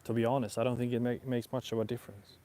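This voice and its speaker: A man's voice: mid-range voice, little pitch movement, rapid-fire, dark tone. A man who speaks English as a second language, thinking aloud in a casual vlog on an outdoor walk, rambling hesitantly and often rephrasing himself. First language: not English. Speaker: vlogger.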